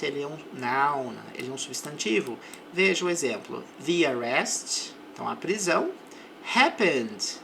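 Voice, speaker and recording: A man with a Brazilian Portuguese accent teaching English, explaining words patiently and slowing down to model each example phrase. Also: fairly high pitch, creaky, a bit bright, a little hiss or hum. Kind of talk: slow explanatory language lesson.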